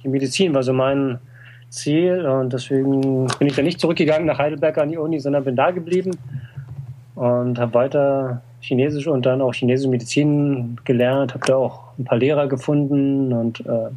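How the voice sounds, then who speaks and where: A middle-aged TCM practitioner explains Chinese medicine in a conversational interview, using lots of fillers and tag questions such as "äh" and "ne?". His mid-range voice is mellow, fairly even in intonation, at a moderate pace.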